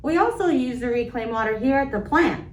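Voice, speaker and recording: A woman's voice: fairly high pitch, lively intonation, brisk, roomy sound, recorded from a distance, poor audio. A woman guiding viewers through a wastewater treatment plant, explaining each step plainly with everyday comparisons. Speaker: wastewater plant staff tour guide. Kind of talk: educational vlog walkthrough.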